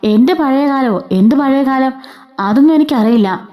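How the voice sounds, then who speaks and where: A woman's voice: high-pitched, normal speed, lo-fi sound, natural voice. A woman voicing a bitter, harsh middle-aged mother who accuses and scolds. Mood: scolding.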